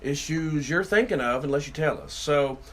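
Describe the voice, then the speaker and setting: A middle-aged city councilman from Virginia, USA, co-hosts a casual talk podcast, spinning rambling, folksy stories in a loud voice that carries. His pitch is fairly high and his speed normal.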